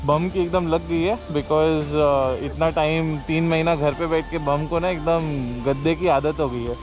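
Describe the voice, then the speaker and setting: A man's voice: fairly high pitch, steady tone, a little slow, music in the background, poor audio. A young Indian man chatting casually as a moto vlogger, switching between Hindi and English, recorded outdoors on an action camera. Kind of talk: casual vlog narration. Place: outdoors by a rural road. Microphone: action camera on helmet or selfie mount.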